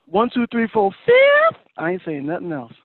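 A man who is a parent, co-hosting a podcast in casual chat, playful and animated when telling stories. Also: sits high, fairly quick. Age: adult parent. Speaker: podcast co-host. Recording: tinny phone-like dry sound.

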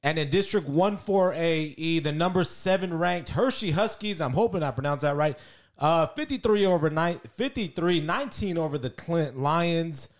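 A man's voice: fairly high pitch, expressive, normal speed. A man co-hosting a casual sports podcast, laid-back and slangy as he runs through game scores. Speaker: podcast co-host.

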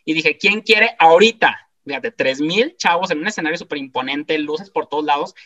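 A man with a Mexican Spanish accent, telling a story as a guest in a casual, animated, slangy way. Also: on the high side, fairly quick. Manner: animated, slangy, acts out quoted voices. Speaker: guest speaker. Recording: dull lo-fi sound.

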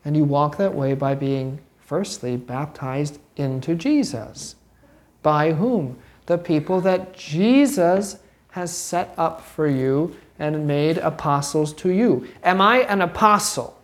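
A woman's voice: low voice, slow. A middle-aged woman teaching a catechism class to children, asking questions and prompting answers patiently. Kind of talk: classroom Bible lesson with children.

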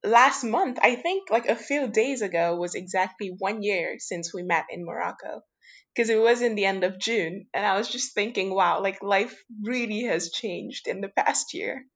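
A woman's voice: mid-range voice, moderate pace. A woman from Senegal, giving conversational answers as an interview guest. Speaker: guest, women's investment organisation member.

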